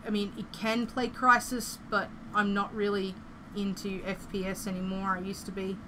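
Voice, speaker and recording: A woman's voice: mid-range voice, level tone, moderate pace, bright, forceful tone, a little hiss or hum, low-quality recording. A young Australian woman chatting casually and playfully as she streams a building game, rambling through her thoughts.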